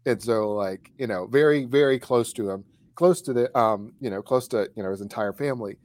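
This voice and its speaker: A man's voice: mid-range voice, brisk, darkish tone, no room sound. A man telling a story in a casual chat, with many fillers and restarts. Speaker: co-host recalling high school kicking.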